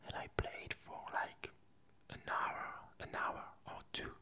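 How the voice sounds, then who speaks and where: In a whispered ASMR ramble about games and films, the creator keeps it soft, breathy, and unvoiced, speaking casually, slowly, and haltingly as they search for the right words.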